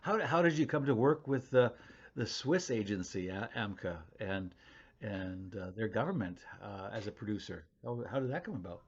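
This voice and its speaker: A man with a somewhat low, husky voice asks an interviewer's questions. He phrases them in long, thoughtful, winding sentences. The sound is muffled and lo-fi. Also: expressive, normal speed.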